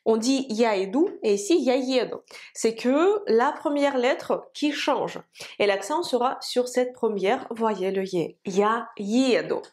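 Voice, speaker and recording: Slow-spoken woman teaching pronunciation. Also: on the high side, expressive, a little mellow. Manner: slow, deliberate pronunciation drills, repeating words. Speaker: Russian teacher. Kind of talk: language lesson.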